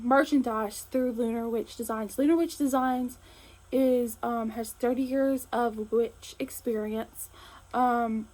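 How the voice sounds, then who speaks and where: Lady hosting her channel, bubbly and chatty, kinda high voice. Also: darkish tone, poor audio. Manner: enthusiastic, chatty, frequent fillers. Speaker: host. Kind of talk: casual chat to camera.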